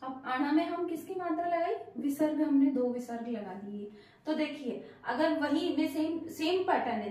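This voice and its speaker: High-voiced woman teaching children. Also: darkish tone. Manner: patient, asks questions back to learners. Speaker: Hindi teacher. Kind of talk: children's language lesson. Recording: very echoey room.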